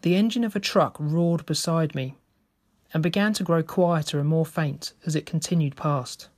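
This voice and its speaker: A man narrating a first-person story in a steady, measured reading. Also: a little high.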